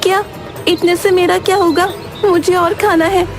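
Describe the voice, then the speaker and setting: A woman's voice: extremely high pitch, steady tone, normal speed. A woman playing a greedy cheeky young bride. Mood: defiant. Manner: cheeky, whiny. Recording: voice over background music.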